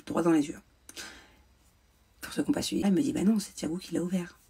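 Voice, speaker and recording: A woman's voice: on the low side, fairly quick, warm tone, slightly rough. A young woman telling a personal story in a vlog, hesitant with many fillers and restarts. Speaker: mother vlogger. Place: indoors at home, ring light.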